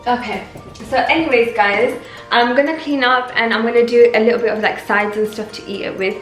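A woman's voice: on the high side, fairly even intonation, brisk, a bit bright. A young woman chatting upbeat and rambling to viewers while cooking in her home kitchen. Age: young adult. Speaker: vlogger. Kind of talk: casual cooking vlog. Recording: roomy kitchen echo, faint background music.

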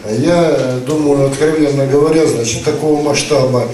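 A man's voice: a little high, steady tone, moderate pace, darkish tone. Man making a formal speech, very echoey. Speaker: local official giving thanks. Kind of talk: formal thank-you speech. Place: public hall with audience. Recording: very echoey hall, distant, audience noise.

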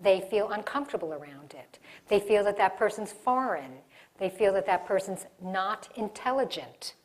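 A middle-aged woman with a medium-pitched voice and normal speaking speed gives a live diversity workshop in a conference room, in front of a projection screen. She's animated, gesturing a lot with her hands and frequently restarting her sentences.

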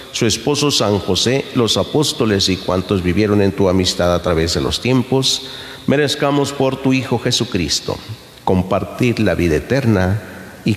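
A middle-aged man, a priest, reciting the Mass at the altar in a slow, measured, solemn way. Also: lowish voice. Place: church sanctuary, behind the altar. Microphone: fixed camera from across the altar. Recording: echoey church with long reverb.

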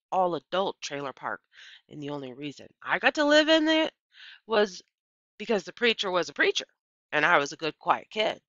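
A middle-aged woman with a lowish voice reads a children's novel aloud like a teacher, telling the scripted story expressively and deliberately while stressing key words. She's in a small indoor room with bookshelves, and the dry, dull recording has a lo-fi computer-microphone sound.

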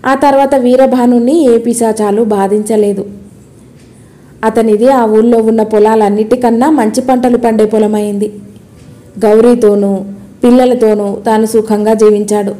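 Woman storyteller, measured storybook narration, deeply mellow tone.

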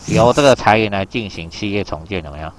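A man who teaches Japanese speaks fast in a lowish voice with lively intonation during an exam reading lesson. He keeps his explanations chatty and informal, often asking students whether they understand.

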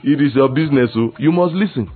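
A male pastor preaches in a lively, animated way, acting out little scenes between husbands and wives. His voice is husky, and the sound is thin and phone-like, with faint music underneath. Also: medium pitch, quick pace. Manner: lively preaching with acted quotes and laughter. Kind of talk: sermon.

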